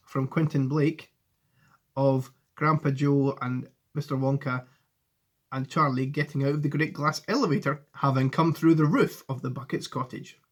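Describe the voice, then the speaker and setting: Sitting in the living room at home, a teacher in his forties reads a children's story with expression and addresses his pupils warmly. His voice is medium-pitched with fairly even intonation at a normal speed, recorded on a device camera at arm's length.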